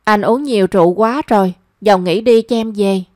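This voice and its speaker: A proud, hurt young woman in a spoken storybook who keeps her guard up and answers with reproach, as a woman narrator reads her. The voice is mid-pitched and plain, recorded dry and close. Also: brisk, a little mellow, no room sound, natural voice.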